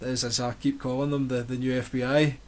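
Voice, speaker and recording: A man's voice: mid-range voice, little pitch movement, a little fast, a little mellow. A Scottish man co-hosting a casual wrestling podcast, teasing his friends, laughing often and repeating his words. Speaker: podcast co-host. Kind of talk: casual chat.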